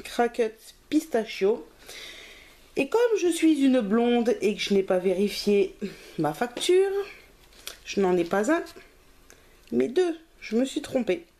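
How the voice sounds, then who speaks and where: A woman's voice: fairly high pitch, darkish tone. A woman chatting casually through a craft haul video, self-deprecating and often hesitating. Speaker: craft vlogger.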